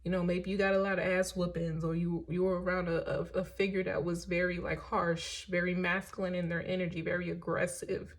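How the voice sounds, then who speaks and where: A woman's voice: lowish voice, flat delivery, fairly quick, few pauses. A woman giving a casual, emphatic tarot reading, encouraging and frank, checking in often with "right?" and "okay?" and swearing now and then. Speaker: tarot reader.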